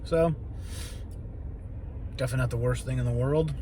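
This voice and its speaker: A man with a mid-pitched voice records a casual vlog in a car on the road. He rambles candidly, coaching himself and swearing mildly. Heavy vehicle rumble and street noise run behind his words. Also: fairly even intonation, normal speed. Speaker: vlogger. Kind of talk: casual rambling video diary talk.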